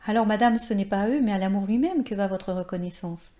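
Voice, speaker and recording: A woman's voice: mid-range voice, fast talker, dark tone, natural voice. A woman voicing an earnest male admirer who coaxes an old actress, in a read-aloud short story. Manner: earnest, coaxing.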